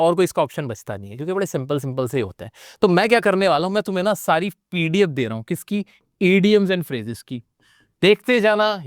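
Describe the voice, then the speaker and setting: Motivational Indian teacher, crisp and dry. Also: male voice, fairly high pitch, dry recording. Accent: Indian English. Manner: motivational, addresses students directly and repeats phrases. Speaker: spoken English teacher. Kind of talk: energetic online class lecture.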